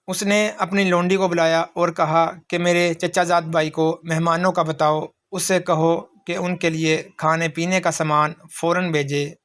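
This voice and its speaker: Guy narrating an old moral tale, kinda high voice, steady even read. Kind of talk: scripted story narration.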